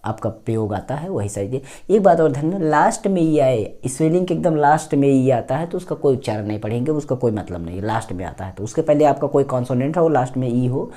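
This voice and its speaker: A man's voice: mid-range voice, lively intonation, fast, few pauses, warm tone. A man teaching English pronunciation in a chatty lesson, repeating words as drills. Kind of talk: casual classroom lesson.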